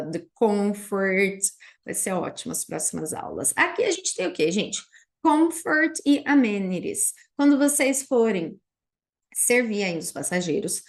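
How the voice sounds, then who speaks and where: A young woman from Paraná with a Brazilian Portuguese accent, teaching English vocabulary and slowly repeating each word for her students. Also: mid-range voice. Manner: drills English words slowly and repeats them for learners. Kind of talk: online vocabulary lesson.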